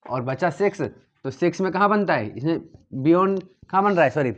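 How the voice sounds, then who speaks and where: A male teacher goes through a physics lesson step by step, steadily repeating each point and often checking that his students are following. His voice is a little high and fairly quick, and the recording sounds dull and lo-fi.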